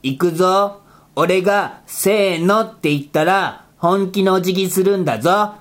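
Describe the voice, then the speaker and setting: A woman voicing a bossy, exasperated rabbit character who talks in rough boyish speech and scolds his partner in a comedy skit. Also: on the low side, measured pace, close to an everyday voice. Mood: scolding, exasperated. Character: gruff bossy rabbit guy, exasperated straight man.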